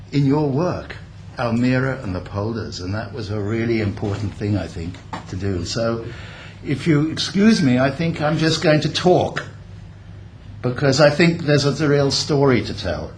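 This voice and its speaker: Older man, grew up in India, opening speech, off-the-cuff, halting pauses, medium pitch, faint ambience. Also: slight background noise. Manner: reflective, speaks off the cuff with many pauses and fillers. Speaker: guest speaker. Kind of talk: formal speech. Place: event hall at a building opening.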